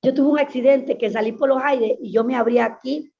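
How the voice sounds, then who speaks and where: A woman's voice: sits high, steady tone, brisk, gravelly. A woman pastor giving an earnest, emphatic personal testimony in an interview, often repeating her phrases. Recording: dull lo-fi sound.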